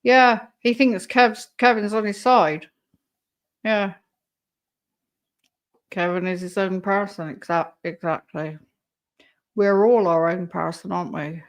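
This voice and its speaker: A woman's voice: mid-range voice, slow pace, long pauses. A woman hosting a casual live stream, reacting to a clip and talking to her chat. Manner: chatty, reacting to a clip and reading chat aloud.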